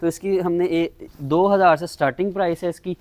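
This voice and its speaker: A man presenting shop stock in an informal sales pitch, with repetitive patter about prices and items. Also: fairly even intonation, brisk, a little mellow. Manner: repetitive selling patter, repeating prices and checking phrases. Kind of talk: informal sales pitch in a product showcase video.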